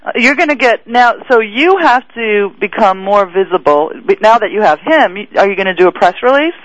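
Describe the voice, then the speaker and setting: High-voiced chatty male radio host. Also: lively intonation, brisk, a bit bright. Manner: chatty, laughs often, teasing. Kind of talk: casual radio interview. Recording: dull lo-fi radio audio.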